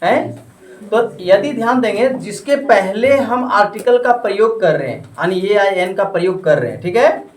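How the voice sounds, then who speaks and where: A man's voice: sits high, lively intonation, normal speed. A man tutoring a classroom in English grammar. He keeps asking questions and leaves sentences unfinished for the students to complete. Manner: prompts the class to finish his sentences. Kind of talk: classroom lesson. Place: coaching classroom. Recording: roomy classroom from a distance. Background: students chattering and answering.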